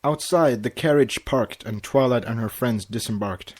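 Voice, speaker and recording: Narrating a fan fiction story on his podcast, a man uses a storybook style and performs the dialogue. He speaks at a moderate pace in a medium-pitched voice with a darkish tone.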